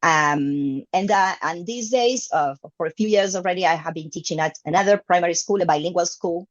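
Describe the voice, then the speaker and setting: Speaking fairly quickly in a lowish voice, this woman is a guest in a conversational interview about her years teaching English. She's in her fifties, from Argentina, a native Spanish speaker, and she hesitates often, restarting and using fillers. The recording's highs are cut off.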